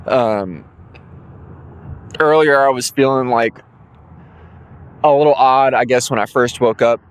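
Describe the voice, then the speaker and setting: A drowsy man in his 20s hosts his own podcast solo, rambling casually through a monologue full of ums and the occasional yawn. His medium-pitched voice is clear and resonant, and he takes his time.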